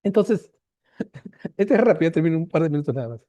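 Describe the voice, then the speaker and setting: A Peruvian man in his fifties, a doctor lecturing, telling a case story and acting out the dialogue with lively voices. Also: fairly high pitch, brisk, dry recording, highs cut off. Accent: Peruvian Spanish. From Peru. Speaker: medical lecturer. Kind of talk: anecdote in an online lecture.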